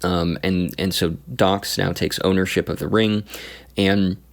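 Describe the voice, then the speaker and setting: A man recounting his tabletop campaign as game master, in a casual, halting way with many pauses and restarts. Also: sits low, steady tone, gravelly. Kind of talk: casual story recap.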